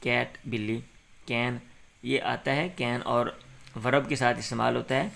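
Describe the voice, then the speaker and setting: A man's voice: mid-range voice, level tone, gravelly, fairly bright tone. A man tutoring a young pupil through an English exercise, patiently saying short phrases for the pupil to repeat and then explaining them.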